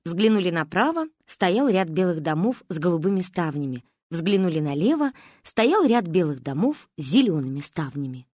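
A woman reading a children's story aloud in an expressive, lively storybook narration. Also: on the low side, normal speed, few pauses, dry recording, clean studio sound. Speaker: audiobook reader.

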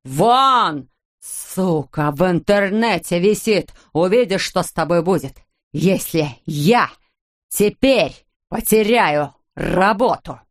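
A woman reading an audiobook voices a furious, brutal middle-aged father who growls slowly and menacingly. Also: fairly high pitch. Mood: raging.

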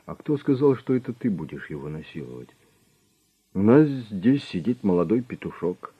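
A man voicing a calm, menacing middle-aged gang boss who mocks his captive with cold smugness. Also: on the low side, normal speed, husky, narrow, tinny audio. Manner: smug, coldly mocking.

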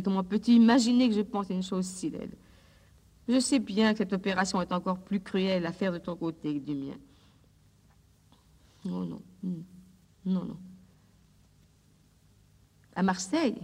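A woman's voice: medium pitch, a little mellow. An abandoned woman clinging to a phone call with her departing lover. She speaks in an intimate, pleading, fragile way in a mid-range voice. The old 1950s recording carries a long, echoing reverb. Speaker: actress. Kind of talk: 1950s recorded drama monologue.

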